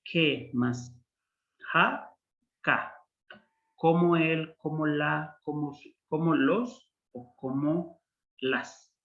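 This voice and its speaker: Male Hebrew teacher with a slightly high voice, patient and slow, explaining grammar. Dull lo-fi class recording. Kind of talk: online language class.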